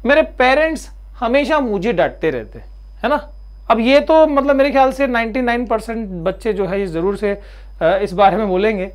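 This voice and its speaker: A man's voice: sits high, expressive, normal speed. A male teacher giving students a motivational talk in a loose, conversational way. He keeps checking in with tag questions and slips into acting out the worries students voice.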